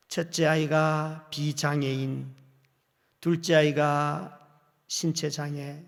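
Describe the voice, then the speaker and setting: A middle-aged man preaching a sermon as pastor, telling a story with feeling, dropping to hushed whispers and rising to loud exhortation. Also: a little high, creaky. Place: church sanctuary. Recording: long hall reverb in a church.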